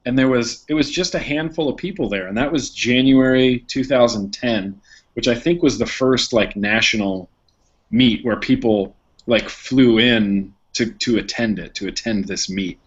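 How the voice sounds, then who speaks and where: A man reminiscing in an easygoing way during casual panel chat, quick to laugh. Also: medium pitch, husky, lo-fi sound.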